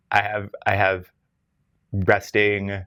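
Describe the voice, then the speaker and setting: A man co-hosting a casual podcast, talking in a lively, self-teasing way and jumping up in pitch for emphasis. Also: clear, resonant tone. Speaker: podcast co-host. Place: podcast recording space with camera crew. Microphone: microphone.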